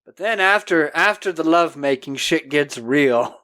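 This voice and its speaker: A man hosting a podcast, recapping a film in a casual, animated, jokey way. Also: on the high side, measured pace. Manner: animated storyteller, jokey, acting out scenes. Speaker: podcast host.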